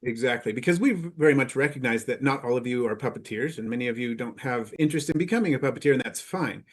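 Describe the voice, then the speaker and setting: A man presenting at a teachers' conference in a mid-pitched voice. He explains carefully and unhurriedly, pausing on "uh" and restarting phrases as he walks through his examples. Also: lively intonation. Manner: measured, explanatory, with frequent "uh" fillers.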